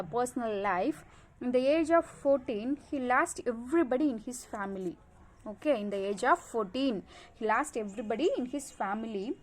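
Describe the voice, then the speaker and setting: A woman teacher giving a recorded class, repeating each point with many "okay" and "uh" fillers. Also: on the high side. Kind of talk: online class lecture.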